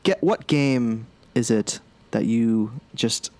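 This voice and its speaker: A man's voice: medium pitch, takes it slowly, darkish tone, no echo. A man hosting a casual podcast chat, joking at his own expense and swearing freely. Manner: self-mocking, swears casually. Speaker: podcast host.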